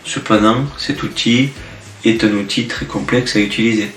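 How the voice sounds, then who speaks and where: A young man, a student presenter, explaining his project in a measured, explanatory way. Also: on the low side, fairly even intonation, distant mic, soft background music. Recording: roomy, off-mic.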